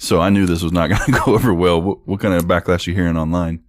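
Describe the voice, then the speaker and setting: A man's voice: deep voice, fairly even intonation, quick pace, dry recording, studio quality. A young man co-hosting a sports podcast in casual chat, blunt and profane, laughing often and reading tweets aloud. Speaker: podcast co-host.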